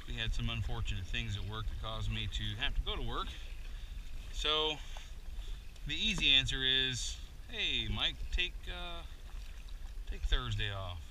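A man's voice: mid-range voice, animated, unhurried, sharp tone, slight background noise. Chatty man narrating from a kayak. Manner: rambling, self-deprecating, chatty. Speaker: kayak angler vlogger. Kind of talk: casual narration while paddling. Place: outdoors on a kayak on a bay. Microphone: action camera mounted on the kayak.

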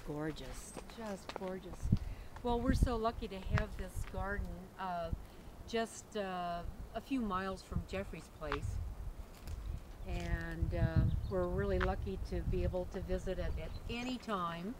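A middle-aged woman guiding a casual walking tour of a garden, talking in a gentle, admiring way with many fillers. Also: on the low side, measured pace. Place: outdoor botanical garden. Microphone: camera held by companion. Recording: outdoor noise on camera mic.

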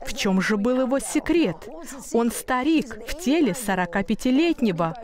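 Higher-voiced woman telling a faith story. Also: animated, normal speed. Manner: earnest, storytelling voice-over. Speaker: guest minister.

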